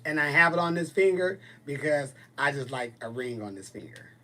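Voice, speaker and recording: A livestream host in his forties speaks a little fast in an expressive, bright voice on the high side, with a forceful tone. Chatting casually, he reads viewer comments and replies bluntly and sassily, and a little hiss or hum can be heard.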